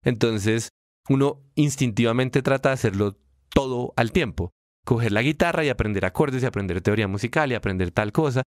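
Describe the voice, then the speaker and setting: Guy cohosting a chill podcast, mid voice, explains stuff, bumps up in pitch on key bits, dry close mic. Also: fairly quick, no room sound. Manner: explanatory, animated pitch jumps when stressing points. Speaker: podcast co-host. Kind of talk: casual conversational podcast.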